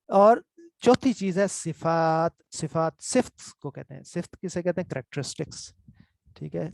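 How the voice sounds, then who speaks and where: Male teacher, gravelly and slightly high voice, patient and repetitive, dry close recording. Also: darkish tone, no echo. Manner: explanatory, repeats terms and checks understanding often. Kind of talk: online lesson with screen notes.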